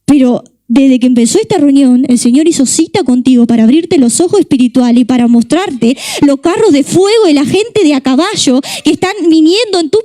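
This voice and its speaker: High-voiced impassioned woman preacher. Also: warm tone, no room sound. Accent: Rioplatense Spanish. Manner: impassioned, repetitive rhetorical questions. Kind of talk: sermon.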